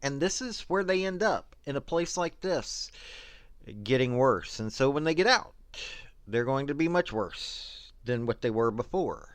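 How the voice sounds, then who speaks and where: A man with a mid-range, animated voice speaks a little slowly, his tone clean and free of echo. As a commentator on prison investigations, he reads sections of official reports aloud and gives blunt, opinionated takes with casual, sarcastic asides.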